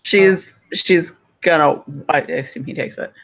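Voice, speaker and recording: Player, mid pitch, rambling narration, dull lo-fi recording. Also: female voice, measured pace, vocal fry. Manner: rambling, searching for words. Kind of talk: tabletop role-play.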